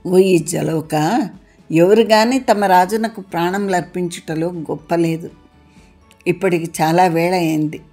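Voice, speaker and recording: A woman's voice: on the low side, steady tone, dark tone, faint music behind. A woman voicing a grave old astrologer. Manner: formal, measured old-style speech. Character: elderly male royal astrologer, calm and grave.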